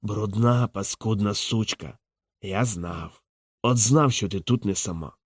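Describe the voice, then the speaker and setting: A man voicing a drunk, hulking, jealous husband who speaks in a slow, slurred, menacing drawl, in an audiobook. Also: on the low side, slightly rough, no room sound, studio quality. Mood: drunken menace. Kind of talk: audiobook character voice.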